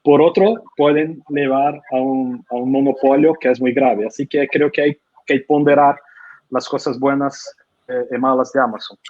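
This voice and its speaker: A Brazilian publishing consultant, guest speaker at an online conference, answers questions in Spanish with a Brazilian Portuguese accent. His medium-pitched, darkish voice keeps a steady tone and moderate pace, but his non-native Spanish is hesitant, full of fillers and restarts. The sound is lo-fi.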